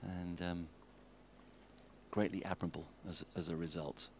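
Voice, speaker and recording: A man commentates on live tennis in a low, gravelly voice. He is chatty and lively, and his pitch rises with the play. Steady noise sits behind him on the broadcast. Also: a little slow.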